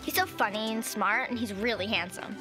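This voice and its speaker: Cartoon tween witch, voiced by a woman: eager, gushing, high-pitched. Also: brisk, over music, lightly acted. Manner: excited, gushing. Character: eager cheerful twelve-year-old girl witch.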